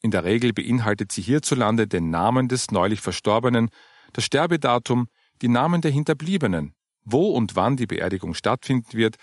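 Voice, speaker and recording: A man's voice: medium pitch, expressive, a little fast, no room sound, studio quality, lightly acted. Man voicing Paula, a patient older woman. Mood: explaining. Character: older churchgoing woman planning her own funeral, calm.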